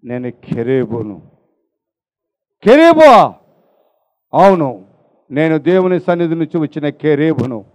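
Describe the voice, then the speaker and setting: A man voicing a heavenly male cherub messenger in a sermon story, speaking low, measured and gentle. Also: big pitch swings, no room sound, low-quality recording. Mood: calm.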